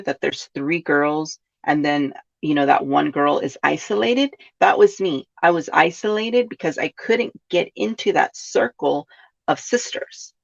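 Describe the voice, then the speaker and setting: Her fairly low, creaky voice guides a contemplative self-help podcast, where this Californian host keeps questioning her audience and saying "right?". The recording sounds dull and lo-fi.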